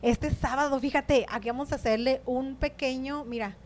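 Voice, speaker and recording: Entrevistadora efusiva de voz muy aguda. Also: female voice, high-pitched, fairly even intonation, normal speed, darkish tone, slight background noise. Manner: effusive, repeats answers, switches between Spanish and English. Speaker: interviewer, host. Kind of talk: casual interview chat.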